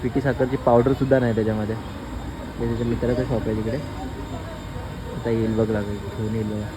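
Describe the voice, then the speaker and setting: A man's voice: fairly low pitch, level tone, brisk. A young man vlogging casually from his motorcycle, joking and rambling in a self-mocking, chatty way. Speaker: motovlogger. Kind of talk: casual rambling vlog chat. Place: outdoors on a motorcycle on city roads. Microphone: newly bought vlogging mic. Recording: loud traffic and engine noise. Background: motorcycle engine and street traffic.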